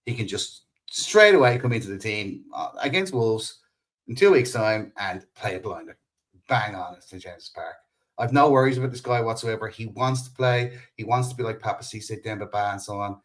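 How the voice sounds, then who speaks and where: A man's voice: lowish voice, moderate pace. An Irish man co-hosting a fan podcast, chatting about football in an enthusiastic, jokey way. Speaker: podcast co-host. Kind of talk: casual football chat.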